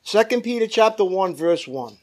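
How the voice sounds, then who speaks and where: A man's voice: sits high, expressive, normal speed, a little mellow. A man preaching a church sermon in an emphatic manner, stretching out key phrases and checking in with the congregation. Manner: calls for amens from listeners.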